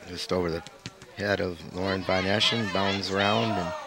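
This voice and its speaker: A middle-aged man with a squeaky voice giving terse, matter-of-fact live soccer commentary outdoors. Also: fairly even intonation, moderate pace, crowd noise. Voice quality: squeaky voice with throat-clearing. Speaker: soccer play-by-play announcer. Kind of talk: live local sports commentary. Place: outdoors at an evening soccer field. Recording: noisy outdoor field recording.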